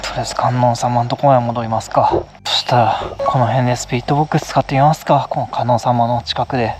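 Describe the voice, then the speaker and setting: A man vlogging a night ghost hunt on a mountain, muttering in a hushed, nervous way into a handheld camera, outdoors in the rain. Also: mid-range voice, flat delivery, fast talker. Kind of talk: ghost-hunting vlog commentary. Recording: noisy outdoor night recording.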